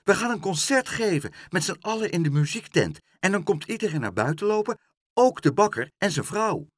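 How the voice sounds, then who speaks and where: A man voicing an excited little child bursting with ideas, in a read-aloud children's story. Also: high-pitched, a little fast, dry recording, clean studio sound, pitched above the performer's own voice.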